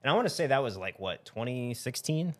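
Man, podcast guest, casual chat, lively storyteller. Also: mid-range voice, a little fast. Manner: animated storyteller, acts out voices in anecdotes.

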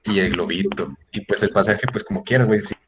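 Mexican guy hosting a chat, lowish voice, swears a lot and bosses everyone around. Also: fairly quick, background noise. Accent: Mexican Spanish. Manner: crude, slangy, bossy with friends. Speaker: host. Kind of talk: casual group chat.

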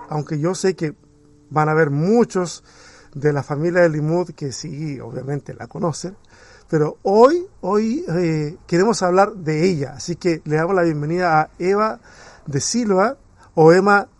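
A man's voice: sits high, normal speed, dry recording. A man hosting a podcast interview, speaking in an encouraging, reflective way, with light guitar music behind him. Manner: reflective, encouraging, tells a Bible story. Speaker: podcast host.

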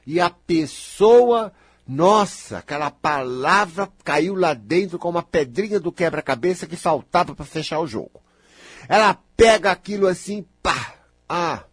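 Emphatic Brazilian man with a husky voice. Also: a little high, lively intonation, normal speed, fairly bright tone, no room sound. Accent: Brazilian Portuguese. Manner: emphatic, teasing and scolding, talks straight to the listener. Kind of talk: animated spontaneous monologue.

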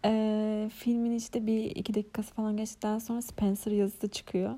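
A young woman co-hosting a podcast in casual chat, talkative and quick to laugh. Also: mid-range voice, flat delivery, warm tone. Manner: chatty, laughs often, fired up. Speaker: podcast co-host.

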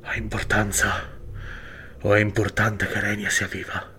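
A man voicing a mysterious blindfolded male elf in an audiobook, speaking calmly and insistently. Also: on the low side, slight background noise. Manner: calm, measured, quietly insistent. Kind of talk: audiobook character reading.

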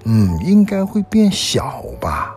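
A curious, spirited little girl muses aloud in a storybook reading, as a man puts her on. Her voice is raised in pitch and rises and falls a great deal. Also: slow, soft background music, full character voice. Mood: curious, indignant. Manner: lively, talks to herself.

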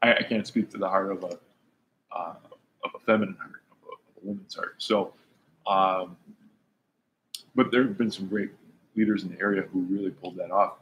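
A fairly low-voiced man hosting a live online show. He chats in a relaxed, easygoing way, full of small fillers and restarts, with a faint hiss of noise in the background. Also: a little fast, long pauses. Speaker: host of an online talk show. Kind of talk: casual chat.

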